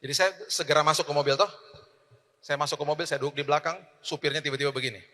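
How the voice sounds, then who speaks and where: A man pastor preaching a sermon, swinging from loud emphatic declarations to quiet storytelling. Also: on the high side, steady tone, racing, big-room sound.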